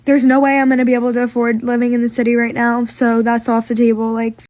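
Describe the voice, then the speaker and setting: A woman's voice: on the high side, completely flat delivery, fast talker, a little mellow, no echo, muffled recording. A young woman in her twenties, a recent graduate, venting to camera in a rambling, filler-heavy way. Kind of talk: casual venting vlog.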